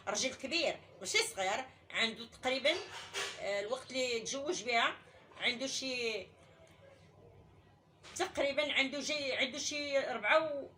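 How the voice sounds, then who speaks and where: A woman's voice: high voice, pushed and bright, a little hiss or hum. A middle-aged woman with a Moroccan Arabic accent, making an urgent, pleading public appeal as an interviewee.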